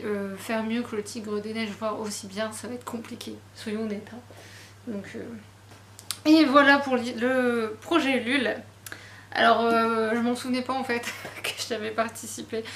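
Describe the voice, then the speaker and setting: Woman book vlogger, casual haul chat, chatty and self-deprecating, fairly high voice, roomy sound with faint noise. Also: fairly bright tone.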